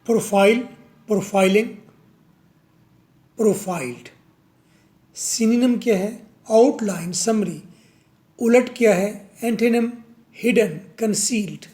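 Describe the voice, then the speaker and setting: A man's voice: high-pitched, slow pace, pauses often, darkish tone. A man teaching a vocabulary lesson, drilling words over and over and answering his own questions.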